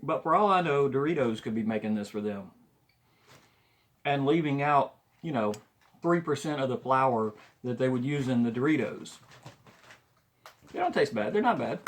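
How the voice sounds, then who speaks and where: A man's voice: medium pitch, lively intonation, normal speed, pauses often. A man chatting casually in a taste-test vlog, offhand and noncommittal, as he snacks on crunchy chips. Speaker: food reviewer. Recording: noticeable background noise.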